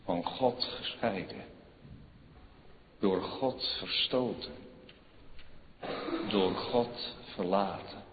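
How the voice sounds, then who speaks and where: A man preaching a sermon as pastor, swinging between hushed words and loud fervent calls. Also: sits low, very slow, long pauses, long reverb tail, phone-quality sound, a little hiss or hum.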